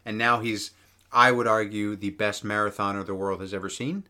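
A male podcast co-host in casual sports chat, his voice sitting on the lower side. His tone is bright and forceful, and he rambles along with plenty of ums and restarts. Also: fairly even intonation, moderate pace. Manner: chatty, rambling, many fillers.

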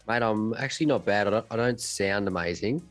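An Australian racing driver guests on a podcast, chatting casually in a relaxed, easygoing way and repeating himself. He has a cold, so his lowish voice sounds nasal and congested, and he talks a little fast. There's no echo, just faint music behind him.

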